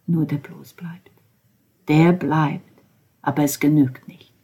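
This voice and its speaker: A fairly low, husky female voice reads, unhurried, as an anguished young man, a bitter, grieving drummer. The dramatic audiobook monologue is intense and first-person, veering from quiet whispers into outbursts.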